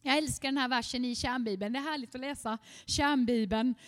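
A woman preaching a fervent sermon, at times rising almost to shouting. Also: high voice, big-room sound.

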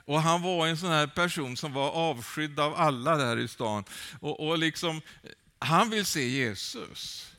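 A man's voice: on the high side, lively intonation, pushed and bright. A man preaching a sermon with fervent, rising calls and many hesitant fillers.

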